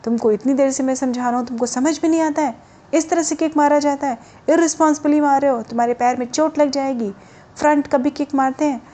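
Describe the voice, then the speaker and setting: A woman voicing an angry male football coach who scolds a boy loudly. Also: sits high, steady tone, pitched above the performer's own voice, close to an everyday voice. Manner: loud, scolding, rapid.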